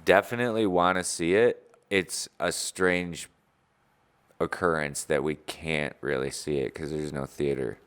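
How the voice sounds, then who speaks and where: A man co-hosting a casual podcast chat, rambling and joking with loud outbursts. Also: rumbling low, fairly even intonation, unhurried, smooth. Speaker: podcast co-host.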